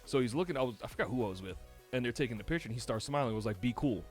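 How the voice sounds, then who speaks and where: A man with a New York accent, hosting a podcast and telling stories in casual chat, animated and swearing freely. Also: medium pitch, racing, faint music behind. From United States. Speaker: podcast host.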